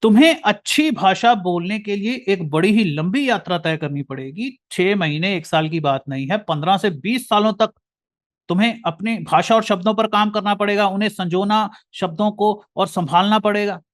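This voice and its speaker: A man's voice: sits high, normal speed. A man with an Indian accent giving an earnest lecture, often calling the listener brother. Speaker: motivational speaker.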